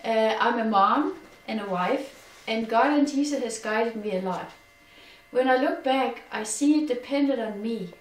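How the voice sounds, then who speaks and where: A middle-aged Danish woman giving an earnest personal testimony, her voice sinking quieter on sad memories. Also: on the high side, measured pace. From Denmark. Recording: echoey room, distant from mic.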